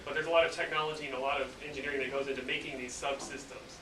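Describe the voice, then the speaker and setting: An engineer casually explains his work to students in a classroom, speaking rapid-fire at medium pitch. His manner is relaxed, packed with filler words like "you know." The roomy, distant mic picks up noise.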